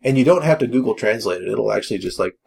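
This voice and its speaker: A man's voice: lowish voice, quick pace, gravelly, husky. A man co-hosting a beer review, chatting casually in a rambling way full of "like" and "you know". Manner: rambling, filler-heavy, animated. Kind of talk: casual chat.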